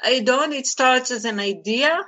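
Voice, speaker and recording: An Israeli woman with an Israeli accent and a high-sitting voice speaks a little slowly. She's a stand-up comedian in a casual interview, laughing often and telling jokes about herself in a relaxed, self-mocking way.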